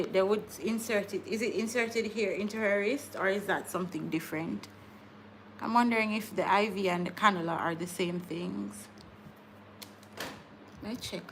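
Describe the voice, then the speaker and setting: A woman's voice: mid-range voice, a bit bright, slight background noise. A woman, hosting a casual live stream, chatting with viewers, laughing often and repeating words as she talks. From Jamaica. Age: 30s. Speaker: livestream host.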